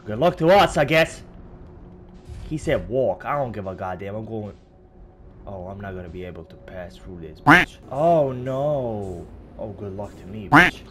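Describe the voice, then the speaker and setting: A man hosting a let's play, excitable and swearing, with sudden shouts. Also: fairly low pitch, a little slow, a little hiss or hum. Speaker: gaming channel host.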